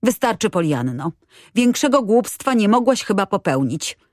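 A woman's voice: mid-range voice, big pitch swings, normal speed, no echo, clean studio sound, voice pushed up, lightly acted. A woman reading an audiobook, voicing a stern, strict aunt who speaks sharply.

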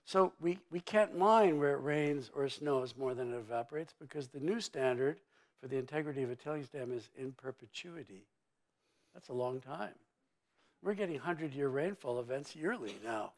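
A man's voice: mid-range voice, lively intonation, moderate pace, a little mellow. An older man being interviewed on a conference stage, talking in an emphatic, blunt and sweeping way with vivid turns of phrase, on a lapel mic. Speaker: mining executive interviewee. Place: conference stage before an audience.

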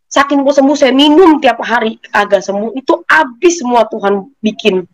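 Woman, slightly high voice, animated storyteller giving her testimony. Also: normal speed, poor audio. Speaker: testimony giver. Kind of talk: personal faith testimony.

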